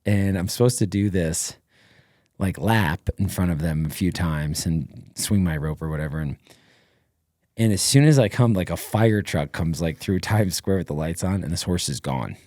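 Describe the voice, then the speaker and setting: A middle-aged man talks as a guest on a podcast, spilling out a long story in an energetic, rambling way full of fillers. His voice sits very low. The sound is close and dry, like a studio mic with no room around it. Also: normal speed, no echo. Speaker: podcast guest, former Navy SEAL. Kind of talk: casual interview storytelling.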